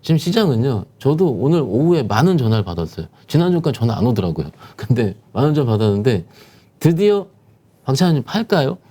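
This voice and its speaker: A man's voice: medium pitch, big pitch swings, fast, mellow, husky. A man, a securities firm manager, explaining stock market conditions as a guest, emphatic and posing rhetorical questions.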